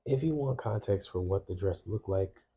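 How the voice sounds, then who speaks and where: A man with a deep, very dark voice and a husky edge. He talks in a laid-back, casual way, hedging his points as he explains. He is speaking quietly at home late at night. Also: normal speed. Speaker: podcast co-host. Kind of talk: casual chat. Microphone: podcast mics.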